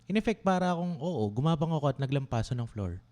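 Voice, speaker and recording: Animated young man from the Philippines. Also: fairly high pitch, fast talker. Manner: animated, dramatic storytelling; asks viewers to respond. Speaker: law school vlogger. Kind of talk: casual storytelling livestream.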